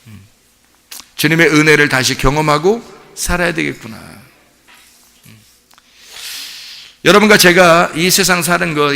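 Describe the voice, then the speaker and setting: Middle-aged male pastor, bright high voice, sermon in a reverberant church hall. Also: gravelly. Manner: animated storytelling, mimics animal cries and laughs. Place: church sanctuary.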